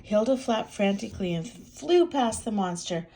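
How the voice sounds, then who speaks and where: An older woman, a sweet and gentle grandmother, reading a storybook aloud with chatty asides to small children. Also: medium pitch, lively intonation, normal speed, a little hiss or hum, low-quality recording.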